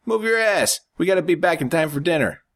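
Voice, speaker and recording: A man's voice: fairly high pitch, animated, fairly bright tone, dry recording, clean studio sound, pitched above the performer's own voice. Man voicing a brash young mobster. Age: 20s. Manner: crude, pushy, fast-talking. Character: brash foul-mouthed young mobster brother.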